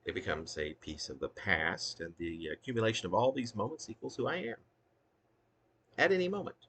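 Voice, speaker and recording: With a lowish, expressive voice and a fairly bright tone, a man briskly reads his poetry like an essay, dwelling wordily and emphatically on his thoughts and now and then breaking off into unscripted asides. A little hiss or hum is audible.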